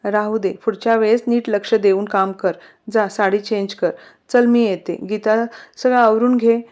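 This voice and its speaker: A woman voicing a caring, calming mother-in-law in a storybook reading. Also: mid-range voice, normal speed, lightly acted. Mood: soothing. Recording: slightly muffled recording.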